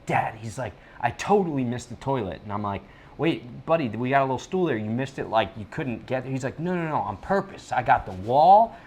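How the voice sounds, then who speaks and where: A man's voice: medium pitch, lively intonation, a little fast, darkish tone, breathy edge. Joking man cooking at home. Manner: joking, teasing, playful. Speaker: chef and host. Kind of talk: casual cooking banter. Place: home kitchen.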